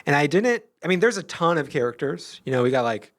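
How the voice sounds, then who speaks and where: A man from Iowa co-hosts a podcast in casual chat, his voice a little high with big pitch swings and a brisk pace. He is hesitant, restarting often and laughing while he talks.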